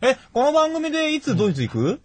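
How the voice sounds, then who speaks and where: A man's voice: very high voice, huge pitch swings, fairly quick, no echo. A man with a Kansai accent co-hosting a radio show, chatting casually and teasing his partner. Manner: teasing, frequent short backchannel replies.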